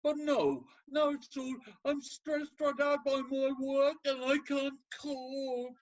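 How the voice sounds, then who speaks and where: Here the same sort of role, a scornful, impatient, unsympathetic ancient Greek counsellor in a comedic radio play, comes out high-pitched and slow, with little pitch movement and lo-fi sound. The actor's delivery is sarcastic, mocking and exasperated.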